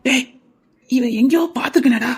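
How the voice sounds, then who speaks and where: A sketch comedian with a Tirunelveli Tamil accent performs a comic bit as a gossiping bus passenger, chattering nosily and teasing. Her voice is high-pitched with a breathy edge, at normal speed.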